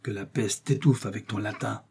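A man voicing a blunt young musketeer who talks in a gruff, impatient way. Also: fairly low pitch, fairly even intonation, normal speed, a little mellow, heavily acted.

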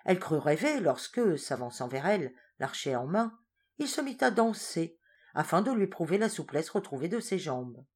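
A woman narrating a story aloud in a fairly low voice. She reads at a measured pace and slows for the descriptive passages. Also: very animated, breathy edge. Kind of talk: storybook reading.

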